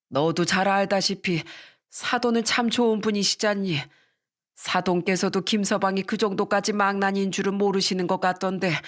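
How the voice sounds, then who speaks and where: A woman voicing an older father who speaks softly and regretfully in a storytelling radio drama. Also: medium pitch, natural voice. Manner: soft, regretful and halting. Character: older man, a meek apologetic father.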